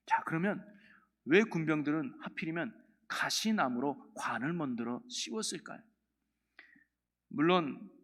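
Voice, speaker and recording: A man's voice: on the high side, a bit bright. A man preaching a dawn prayer sermon as pastor, asking the congregation questions and reading scripture aloud. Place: church sanctuary. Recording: long church hall reverb.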